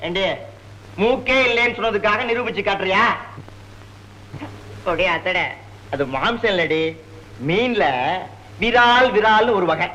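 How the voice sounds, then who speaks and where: A man's voice: sits high, measured pace, pauses often, bright, forceful tone. An actor playing a teasing husband who mocks his wife, on a dull old film soundtrack. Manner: mocking, bantering.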